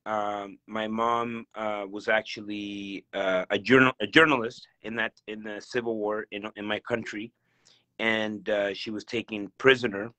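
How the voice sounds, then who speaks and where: A man from El Salvador speaking over a video call. His voice is bright and forceful, cheerful, and he laughs often. He talks with plenty of fillers and restarts. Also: lowish voice, level tone, a little slow. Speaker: guest real estate investor. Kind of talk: casual video call interview.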